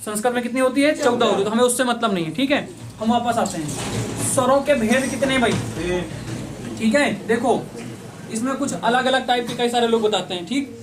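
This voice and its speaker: A man's voice: very high-pitched, a little fast, background noise. A man teaching an online exam-prep class. He asks questions and answers them himself, repeating the key points. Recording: voice somewhat distant from the mic.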